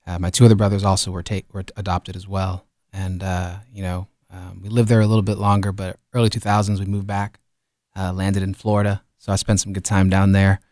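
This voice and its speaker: A man in his thirties, born in Liberia, telling his life story as a musician guest in a radio studio, relaxed and full of fillers. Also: low-pitched, a little fast, no echo. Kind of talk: casual interview.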